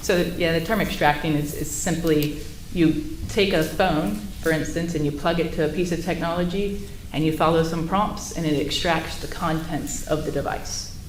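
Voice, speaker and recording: A woman's voice: low voice, steady tone, moderate pace. A woman giving courtroom testimony as an expert witness, explaining things in procedural terms. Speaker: expert witness, sheriff's intelligence commander. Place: indoor courtroom. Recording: echoey room with faint noise.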